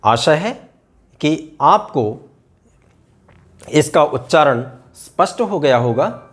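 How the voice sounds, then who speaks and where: A man giving a pronunciation lesson in formal Hindi, speaking slowly and repeating sounds and words for emphasis. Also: on the high side, lively intonation. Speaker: Hindi teacher.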